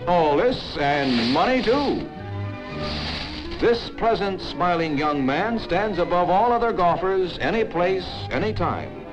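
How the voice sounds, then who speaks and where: A man narrating an old newsreel in a brisk, emphatic announcer manner. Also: high voice, sing-song. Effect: old newsreel soundtrack. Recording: dull lo-fi film soundtrack with music.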